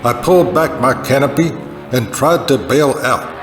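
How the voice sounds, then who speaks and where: A man's voice: mid-range voice, moderate pace, music in the background, lightly acted. Man acting a melodramatic war-scarred pilot, echoey hall. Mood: dramatic recounting. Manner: overwrought, brooding, dramatic storytelling. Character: melodramatic war-scarred pilot hero in 1950s sci-fi parody. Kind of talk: 1950s sci-fi parody acting. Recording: echoey hall, clearly noisy.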